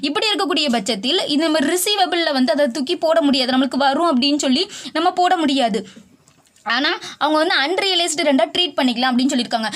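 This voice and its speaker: A woman's voice: sits high, a bit bright. A woman tutor explaining tax rules in a video lesson, mixing English legal terms into her talk and restating each point in plain words. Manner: mixes English legal terms into Tamil, reads rule text slowly.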